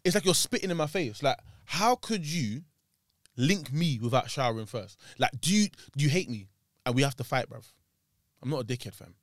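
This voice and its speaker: Co-host: young man, London accent, highly animated pitch, dry sound. Blunt, opinionated, casual slangy banter. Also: moderate pace, dry recording. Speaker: podcast host.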